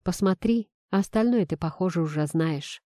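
Lady reading a grim tired dad, low mellow voice, dry sound. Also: moderate pace, dry recording, close to an everyday voice. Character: stern cold middle-aged father, confessing.

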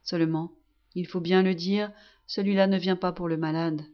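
A woman's voice: on the low side, highs cut off. Woman reading a classic novel aloud. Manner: measured, expressive reading. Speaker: audiobook reader. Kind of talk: literary narration.

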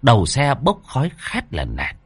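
Guy telling a funny story, voice jumps all over, kinda husky. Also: medium pitch, moderate pace, dry recording. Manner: lively, expressive. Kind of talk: comic storytelling narration.

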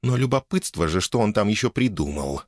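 Audiobook figure: icy young noblewoman, purring and commanding, pitched high, played by a male reader. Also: sing-song, fairly quick, no echo, clean studio sound. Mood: coaxing. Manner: purring, imperious.

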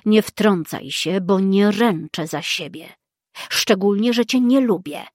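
Woman doing a gruff threatening male assassin, slow and harsh, dry sound. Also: medium pitch, a little mellow, dry recording. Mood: hostile.

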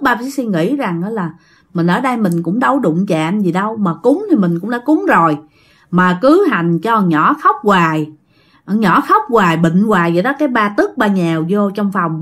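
Chatty Southern Vietnamese woman telling a ghost story. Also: mid-range voice. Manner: chatty, addresses listeners directly. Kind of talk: casual ghost story narration.

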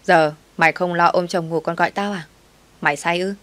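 Woman reading as a blunt, rough-talking best friend. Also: on the low side, fairly even intonation, a little fast, lightly acted. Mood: worried. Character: brash loyal young woman friend.

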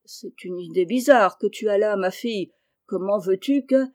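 A woman's voice: medium pitch, moderate pace, a little mellow, close to an everyday voice. A woman doing a doting old lord. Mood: doubting. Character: old lord, soft-hearted and doting father.

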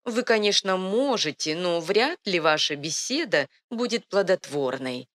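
A woman's voice: lowish voice, expressive, a little slow, a bit bright, voice pushed up. A woman voicing a sly, condescending male court advisor in an audiobook. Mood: smug. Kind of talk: audiobook reading.

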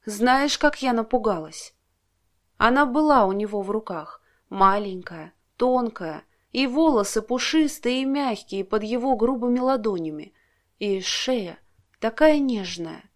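A woman narrating an audiobook in a calm, measured reading voice. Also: a little high. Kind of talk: scripted narration.

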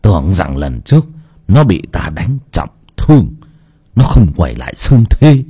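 A man's voice: huge pitch swings, warm tone, husky, heavily acted. A man doing a solemn old exorcist. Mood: rueful. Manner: low, measured, solemn. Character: calm old male exorcist, about seventy.

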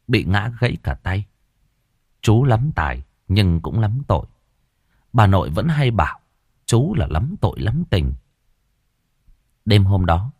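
Male storyteller for a ghost tale; lowish, very animated pitch, dry booth. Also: no echo. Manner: expressive, rises and falls dramatically.

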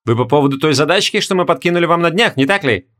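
A man voicing a calm, composed male king of about forty in an audiobook. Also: on the high side. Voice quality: calm, measured.

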